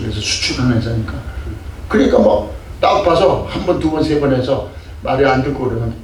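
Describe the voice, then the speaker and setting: An older man preaching a sermon as a pastor, emphatic and full of rhetorical questions, sometimes acting out scolding. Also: medium pitch. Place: church sanctuary. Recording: echoey distant church mic with faint noise.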